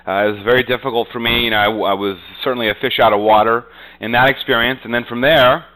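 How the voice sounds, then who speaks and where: Speaking in a mid-range, fairly bright voice, a middle-aged real estate agent from New England, USA, tells his career story during a conversational podcast interview. He rambles and fills gaps with "you know," and the recording quality is low.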